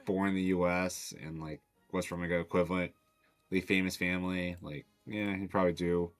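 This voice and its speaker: Deep-voiced mod dev, rambling casual stream talk, swears. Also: male voice. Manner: rambling, loose talk full of fillers and swearing.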